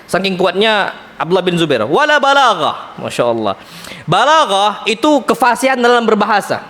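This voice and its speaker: A man teaching an Islamic study lecture, speaking in a lively way, often calling his listeners "Pak" and weaving in Arabic terms. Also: high voice, moderate pace. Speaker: ustadz. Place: Islamic center lecture hall.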